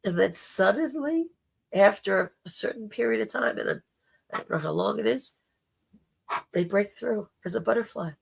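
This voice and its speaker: A spiritual livestream host with a gravelly, temporarily hoarse voice, talking informally and gently encouraging the viewers. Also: medium pitch, animated, moderate pace.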